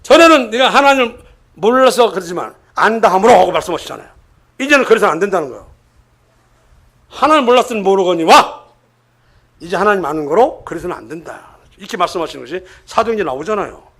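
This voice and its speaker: An older man preaching a church sermon. He keeps quizzing the congregation with rhetorical questions and swings between emphatic loud lines and hushed asides. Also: high voice, animated, fast.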